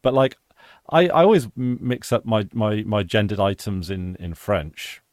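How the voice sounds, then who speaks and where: A man's voice: on the low side, normal speed, a little mellow, no room sound, studio quality. A man from Britain co-hosting a casual podcast chat, rambling and jokey, often breaking off mid-sentence. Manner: rambling, self-interrupting, jokey. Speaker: podcast co-host.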